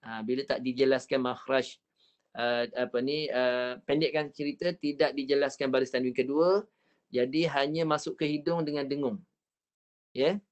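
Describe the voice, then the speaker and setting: A man's voice: medium pitch, steady tone, normal speed. A man with a Malaysian Malay accent teaching Quran recitation online, patiently repeating each point and drawing out the recited syllables.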